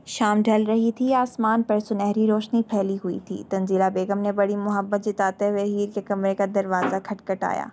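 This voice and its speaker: A woman's voice: mid-range voice, flat delivery, few pauses, darkish tone, a little hiss or hum. A woman narrating a dramatic novel in an emotive storytelling manner. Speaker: novel reader.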